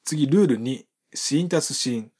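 Man, husky voice, mellow tone, patient explanatory lesson, demonstrates examples. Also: mid-range voice, measured pace. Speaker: author explaining his book.

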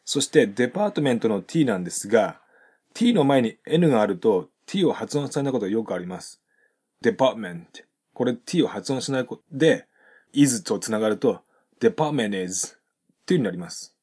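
A native Japanese-speaking man teaches English pronunciation in Japanese, working calmly and methodically, step by step. His voice is medium-pitched and slightly rough, and he slows down when giving model phrases.

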